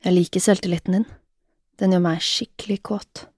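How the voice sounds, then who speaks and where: A woman voicing a confident, teasing adult male lover in an audio story, speaking in a low, soft murmur. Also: steady tone, husky, dry recording, clean studio sound.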